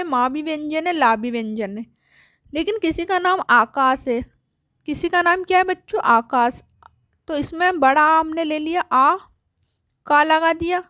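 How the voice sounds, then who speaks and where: A woman teaching young children at a board. She asks questions and answers them herself, and she draws out each letter sound slowly. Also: high voice, fairly bright tone, no echo, studio quality. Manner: slow, drawn-out sounding of letters.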